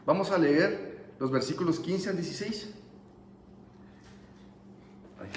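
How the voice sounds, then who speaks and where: A male pastor preaching a sermon, emphatic and repetitive, with slow stresses and quick asides. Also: fairly high pitch. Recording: echoey hall, faint noise.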